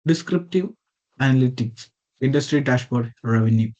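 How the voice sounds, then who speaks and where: A man's voice: mid-range voice, moderate pace, darkish tone. A man reading a prepared slide presentation over a video call. He reads from a script with small slips and self-corrections. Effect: heard over a video call.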